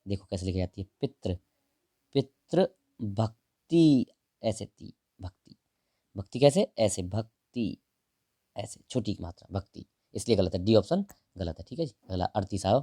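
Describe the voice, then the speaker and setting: A man teaching exam prep, going through answers one option at a time in a casual, direct way and drawing some words out slowly. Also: fairly low pitch, lively intonation, mellow, no echo, clean studio sound. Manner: explains each option, stretches out words while writing; casual and direct, calls the listener brother. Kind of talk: answer-key walkthrough lesson.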